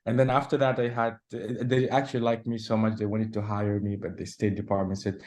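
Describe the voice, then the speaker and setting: A man from Sudan, a journalist answering interview questions in a measured way, often pausing and restarting. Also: lowish voice, level tone, a little mellow. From South Sudan / Sudan. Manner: measured, with frequent hesitations and restarts. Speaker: journalist guest.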